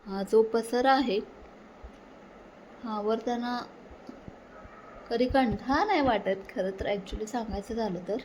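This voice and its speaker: A woman's voice: fairly high pitch, a little slow, pauses often, a little mellow, a little hiss or hum, low-quality recording. A young woman chatting casually at home in a homely daily vlog, talking straight to her viewers. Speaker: vlogger. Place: home, indoors. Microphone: phone held at hand.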